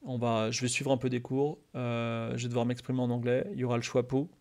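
Here a man with a mid-range voice speaks fairly quickly to his live-stream viewers. His talk wanders, packed with fillers and false starts, and turns animated in excited moments.

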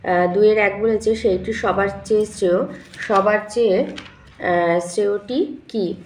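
A woman teacher going through exam questions, reading each one aloud and then dictating the answer step by step. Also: mid-range voice. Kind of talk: exam answer walkthrough lesson. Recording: echoey room.

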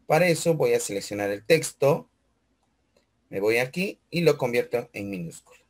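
A Peruvian male teacher with an animated, mid-range voice leads a screen-recorded computer class at a moderate pace. He talks through each step aloud, keeps checking in with "¿ve?" and "chicos," and poses questions as if he were a student before answering them himself.

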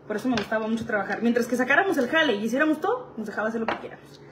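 A woman's voice: fairly high pitch, lively intonation, very fast, noisy background. A young woman with a Mexican Spanish accent telling casual stories about her past jobs, chatty and full of slang and laughing asides. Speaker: vlogger. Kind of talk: casual storytelling.

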